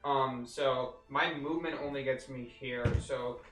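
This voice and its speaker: A man playing a tabletop game, talking casually and hesitantly with many pauses. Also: medium pitch, fairly even intonation. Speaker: player. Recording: echoey room, far from mic, music behind.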